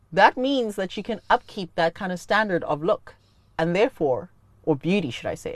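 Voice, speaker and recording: A woman hosting a casual chat, playful and joking, and quick to laugh at herself. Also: sits low, no echo. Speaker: podcast host.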